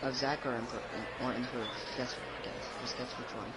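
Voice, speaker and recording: A man's voice: medium pitch, flat delivery, fairly quick. A man playing a music game with friends, joking and teasing them in casual chat. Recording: loud background noise.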